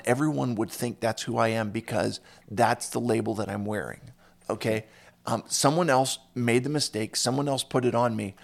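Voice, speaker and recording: A man hosting a casual interview conversation, telling stories and getting animated when he quotes other people. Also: mid-range voice, gravelly.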